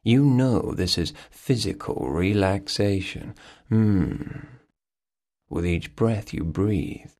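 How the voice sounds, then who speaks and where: Slow, low-voiced male hypnotist. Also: a little mellow. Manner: slow, soothing, repetitive suggestions. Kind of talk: guided hypnosis session.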